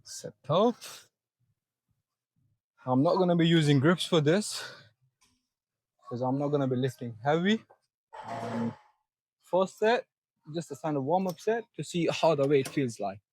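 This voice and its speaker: A man's voice: fairly high pitch, expressive, a little slow, long pauses, a little mellow, breathy edge, no echo, poor audio. A young man in a gym, out of breath, coaching viewers step by step through a back workout. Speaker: fitness vlogger. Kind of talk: casual gym walkthrough.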